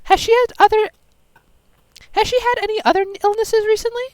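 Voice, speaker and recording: A woman voicing a brisk, upbeat family doctor in a homemade animated drama, explaining in a bright, sing-song way. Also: extremely high pitch, voice pushed up. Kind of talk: amateur machinima voice acting.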